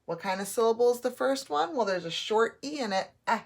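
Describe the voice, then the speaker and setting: A woman's voice: fairly high pitch, expressive, a little fast, gravelly. A woman teaching a phonics and spelling lesson, patiently sounding out letters and words.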